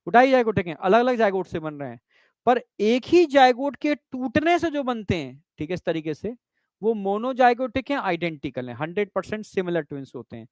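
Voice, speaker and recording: In a biology classroom lecture, a man with a high voice and big pitch swings talks a little fast, explaining step by step and often confirming that students understand. He calls them "bhai" and "beta," in a clean studio recording with no room sound.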